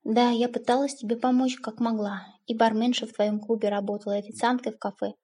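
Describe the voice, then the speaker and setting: A woman's voice: on the high side, steady tone, fast talker, warm tone, slightly rough. A woman reading an audiobook, voicing a weary wife under forty who speaks coldly to her husband. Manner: cold, weary. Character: tired, cold young wife under forty.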